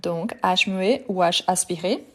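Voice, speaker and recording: A woman's voice: lowish voice, unhurried. A woman teaching a live online French lesson, patiently repeating each word to drill pronunciation and speaking directly to her viewers.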